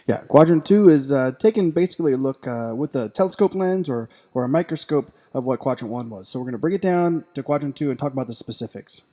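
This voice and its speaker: A man's voice: mid-range voice, animated, fast, hardly any pauses, mellow. A man co-hosting a casual podcast, talking enthusiastically and jokingly with lots of fillers. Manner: enthusiastic, jokey, many fillers. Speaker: podcast co-host.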